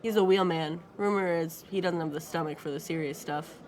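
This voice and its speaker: A woman's voice: low voice, a little fast, a little mellow, close to an everyday voice. Woman voicing an affectionate old thief father. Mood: confident. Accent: Spanish. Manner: affectionate, teasing, confident. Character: aging male career thief, warm doting father.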